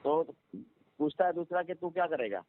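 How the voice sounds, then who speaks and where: A man calmly and patiently answers questions of faith. His voice sits a little high for a man. It comes through a thin, phone-like channel. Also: moderate pace. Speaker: devotee answering doubts. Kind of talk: religious debate. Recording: tinny phone-like sound.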